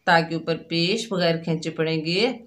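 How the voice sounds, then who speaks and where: A woman teaching Quran recitation rules step by step, explaining each letter and then sounding out the syllables slowly. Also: sits low, fairly bright tone. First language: Urdu. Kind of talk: slow step-by-step tajweed lesson.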